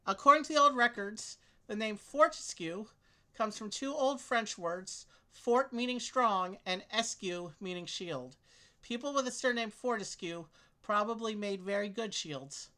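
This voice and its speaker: A woman's voice: mid-range voice, unhurried. A woman reading game clue texts aloud and chatting casually with a co-player about solving a mystery. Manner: steady, clear reading of clue text.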